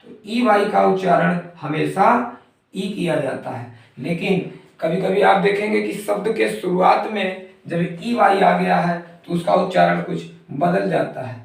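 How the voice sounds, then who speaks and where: A man's voice: high-pitched, big pitch swings, a little slow, gravelly. A man teaching English pronunciation in a methodical way, spelling out letters one by one before saying each word. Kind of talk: explanatory lesson. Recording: very echoey room, far from the mic.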